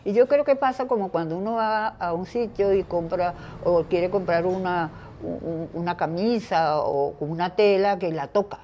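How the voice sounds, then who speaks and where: An older woman from Venezuela, speaking as an interview guest in a reflective conversation, pausing often to search for her words. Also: on the low side, mellow, dull audio, a little hiss or hum. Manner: thoughtful, pauses to search for words.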